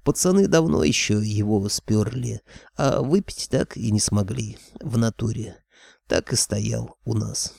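A man's voice: lowish voice, measured pace, gravelly, darkish tone, no room sound, full character voice. A man voicing Aristofan, a rowdy male imp who talks in street slang and wails when hurt, in an audiobook. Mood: swaggering. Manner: street slang, wailing complaints.

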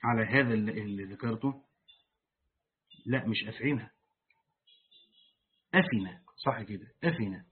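A man reading a Quran commentary aloud and pausing to explain it in plain colloquial speech, like a sheikh teaching a lesson. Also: fairly low pitch, husky. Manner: reads the text aloud, then breaks off to explain it in colloquial speech. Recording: tinny phone-like lo-fi recording.

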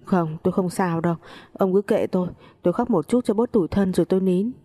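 A woman's voice: on the low side, fast, mellow, lightly acted. Woman voicing a whiny sobbing mother-in-law near sixty. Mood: wailing. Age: 50s. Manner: tearful, self-pitying wailing.

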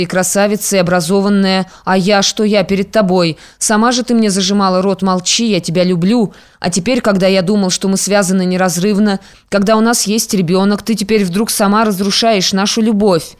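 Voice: medium pitch, fairly even intonation, fairly quick, few pauses, close to an everyday voice. A reader voicing a desperate man who pleads with his lover and then flares into rage, in an audiobook. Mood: pleading. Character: desperate middle-aged man, a pleading husband. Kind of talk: audiobook character reading.

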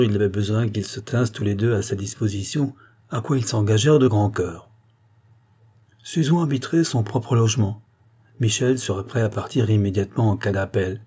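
A man reading a novel aloud as narrator in a measured, even manner. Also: lowish voice, breathy edge. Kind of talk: audiobook narration.

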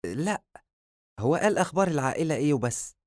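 A man voicing a calm, observant young man with an Egyptian accent, who speaks in a measured way. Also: fairly high pitch, no echo, clean studio sound, voice pushed up, close to an everyday voice.

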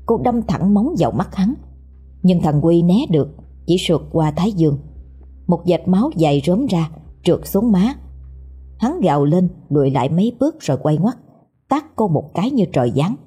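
A woman narrates a scripted horror story in a grave, steady manner. Her voice is low and dark, with a husky, breathy grain throughout. Faint music plays underneath. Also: moderate pace.

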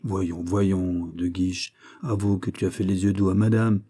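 Brief: male reader doing a jovial, mocking young prince in a storybook reading, dark husky timbre, unhurried. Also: low voice, level tone. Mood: teasing jovial. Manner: teasing, laughing, lordly.

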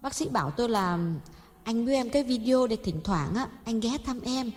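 A woman voicing a young mistress in her twenties who speaks calmly and politely with cold mockery, in an audio story. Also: a little high, moderate pace, close to an everyday voice. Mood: cool mocking. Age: 20s. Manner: calm, polite, coldly mocking. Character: young mistress, cool and cutting. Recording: long hall reverb, faint music.

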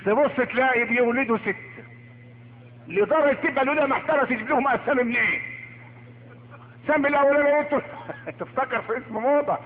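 High-voiced Egyptian preacher on tinny tape. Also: male voice, fast talker, long pauses, big-room sound, a little hiss or hum. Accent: Egyptian Arabic. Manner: mocking, theatrical, switches into voices. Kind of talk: Friday sermon. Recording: tinny old cassette recording.

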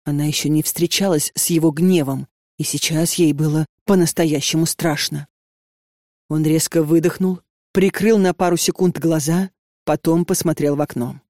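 A woman narrating an audiobook with a measured, even reading. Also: low voice, no room sound, clean studio sound. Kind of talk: scripted narration.

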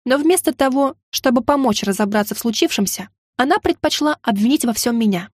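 A woman narrating a first-person fantasy audiobook in a steady storytelling delivery. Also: a little high, a little fast, no echo, clean studio sound.

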